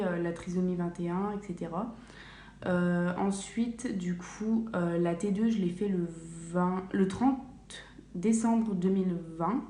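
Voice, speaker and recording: A woman's voice: on the low side, dark tone, slight background noise. A young woman vlogger chatting casually in a small bathroom at home, with lots of fillers and self-corrections. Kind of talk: casual vlog storytelling. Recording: echoey bathroom, faint room ambience.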